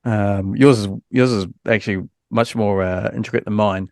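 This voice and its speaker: A man's voice: on the low side, fairly even intonation, moderate pace, darkish tone, no echo, clean studio sound. A man hosting a podcast, chatting casually and hesitantly with lots of fillers. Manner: hesitant, many fillers and restarts. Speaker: podcast host.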